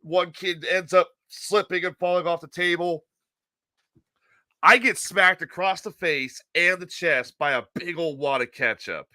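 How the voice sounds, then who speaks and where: A male podcast host telling a rowdy story in an animated way, laughing often and swearing freely. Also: high-pitched, unhurried, no echo, studio quality.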